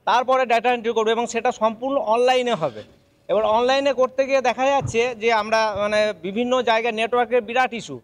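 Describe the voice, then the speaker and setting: A man with a West Bengal Bengali accent explaining hesitantly in an unscripted press interview. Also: very high-pitched. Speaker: booth-level election worker.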